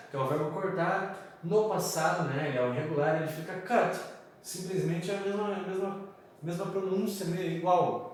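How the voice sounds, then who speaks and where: The English teacher's voice is on the high side and recorded from a distance, off-mic in an echoey room with faint noise behind him. Chatty and Brazilian Portuguese-accented, he teaches from slides, checks in with students often and keeps repeating "galera" and "tá?".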